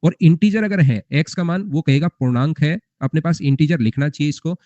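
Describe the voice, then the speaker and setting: A man's voice: a little high, fairly quick, mellow, dry recording. A young man teaching a math class live, repeating points and quizzing his students with rhetorical questions. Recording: muffled lo-fi recording.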